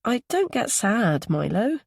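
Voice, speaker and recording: Woman as a polite, guarded young mother for a storybook; gravelly, dry, close. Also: a little high, sing-song, takes it slowly, no room sound, voice pushed up, heavily acted.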